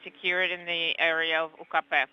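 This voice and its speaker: A man interpreting live over a radio communication loop, relaying in a halting way with many fillers. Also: a little high, little pitch movement. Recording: muffled radio loop with static.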